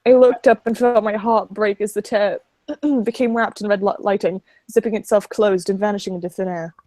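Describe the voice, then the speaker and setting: A woman's voice: mid-range voice, steady tone, normal speed, warm tone, dry recording. A woman reading visual novel narration aloud in a dramatic storytelling style. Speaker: narrator in a group read-along.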